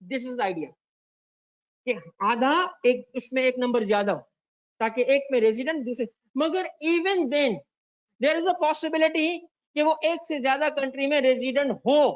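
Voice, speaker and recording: A man's voice: extremely high pitch, measured pace. A Pakistani man teaching a tax class, quizzing students by name and repeating key points. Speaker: tax lecturer. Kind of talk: classroom lecture mixing Urdu and English. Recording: dull lo-fi lecture recording.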